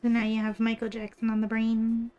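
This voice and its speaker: A woman's voice: fairly high pitch, monotone, a little fast, mellow, muffled recording. A woman with a cute, bubbly anime-streamer delivery, chatting casually on a livestream. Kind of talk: casual livestream chat while drawing. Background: background music.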